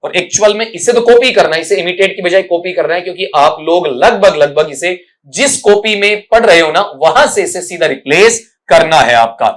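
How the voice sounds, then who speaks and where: A man's voice: sits high, lively intonation, moderate pace, a bit bright. A middle-aged man teaching an exam-prep English lesson, drilling pronunciation by repeating words and fondly calling students "beta".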